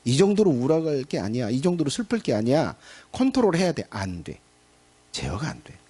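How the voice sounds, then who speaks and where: Middle-aged male pastor, chatty and animated preaching, acts out small scenes, voice rising and falling a lot. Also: medium pitch, fairly quick, slightly rough. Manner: animated and conversational, acting out little scenes. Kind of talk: sermon. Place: church sanctuary.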